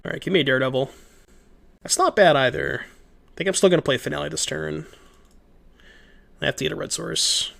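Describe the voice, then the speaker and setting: Brisk yet pausing often, a slightly high, creaky, somewhat bright male voice carries casual commentary over a streamed card game. He's stuffed up with a voice that's a little shot, and he rambles chattily, reads his chat aloud, thinks through moves, and keeps restarting.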